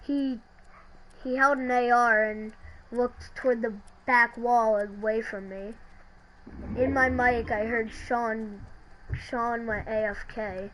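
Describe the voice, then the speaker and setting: Slow, hesitant young-sounding woman narrator. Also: on the high side, fairly even intonation, fairly bright tone, a little hiss or hum, low-quality recording. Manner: hesitant, halting with restarts. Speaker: storyteller. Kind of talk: creepypasta narration.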